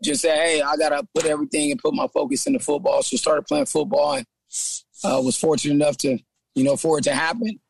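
A man from San Jose, a trainer and former football player, telling his story as a guest in a relaxed interview, with frequent "man" and repeated words. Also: fairly high pitch, fast talker, gravelly, no room sound. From San Jose, California. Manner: laid-back, says "man" often, repeats himself. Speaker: guest, trainer and gym owner. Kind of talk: casual interview chat.

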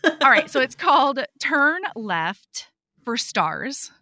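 A woman's voice: sits high, takes it slowly, dry recording, clean studio sound. A woman guest on a podcast, chatting casually and animatedly, swearing freely as she retells stories. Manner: animated, swears freely, acts out book characters. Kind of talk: casual chat.

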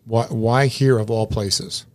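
A man's voice: on the low side, fairly even intonation, takes it slowly, a little mellow. A man hosting a casual interview, chatty and rambling, often repeating words as he starts a sentence. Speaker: interview show host.

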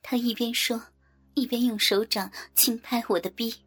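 A woman narrating a story in a soft, breathy, half-whispered voice. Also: a little high, steady tone, moderate pace. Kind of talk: whispered erotic story reading.

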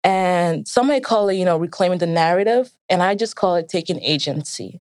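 Young woman from Nigeria, student guest, earnest and thoughtful, slightly low voice, dry close recording. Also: animated, brisk, darkish tone, no room sound. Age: young adult. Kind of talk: interview.

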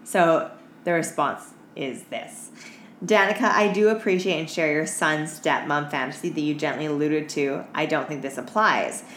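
Worn out from staying up all night, this podcast co-host still keeps things informal, candid, and jokey. Her voice sits low with a fairly bright tone at normal speed, and the audio is echoey with audible background noise.

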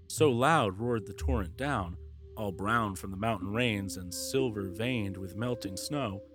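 Measured male storybook narrator. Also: on the low side. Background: soft music.

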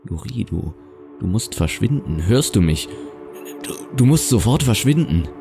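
A man's voice: fairly low pitch, big pitch swings, unhurried, gravelly, voice pushed up, full character voice. A man voicing a frail, paranoid old grandfather in a nursing home, stammering and repeating his words, over music. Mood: panicked.

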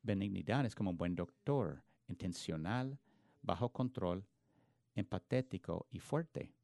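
Low gravelly man preaching a sermon. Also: lively intonation, a little mellow, dry recording. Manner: earnest, emphatic preaching with rising force on key words; halting, restarts words mid-phrase. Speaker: pastor.

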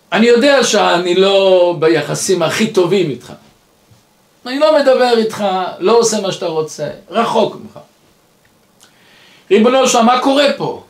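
A man's voice: high voice, expressive. A man quoting a distraught young kibbutznik. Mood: pleading. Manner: emotional, pleading. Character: distraught young male kibbutznik telling his story. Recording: roomy echo.

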